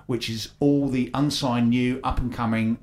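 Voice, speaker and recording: An English man presents a local radio show at a middling pitch. He reads out announcements in a chatty style, hesitating often with ums and ahs. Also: fairly even intonation, normal speed, a little mellow.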